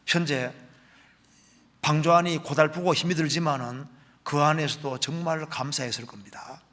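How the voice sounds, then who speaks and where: Bright-voiced Korean pastor preaching. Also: male voice, fairly high pitch. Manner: preaching, reading scripture aloud slowly with rising emphasis. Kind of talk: sermon.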